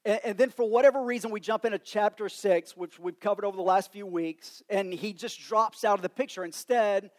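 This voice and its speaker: Guy preaching w a west texas twang, pretty high voice, talks it through casually like a chatty sermon. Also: brisk, few pauses, a little mellow. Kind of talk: conversational sermon.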